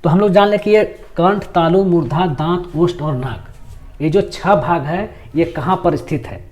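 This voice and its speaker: A man teaching grammar in a slightly raised, mellow voice. He explains patiently, repeating each term and asking questions only to answer them himself. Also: a little high, moderate pace. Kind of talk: grammar lesson.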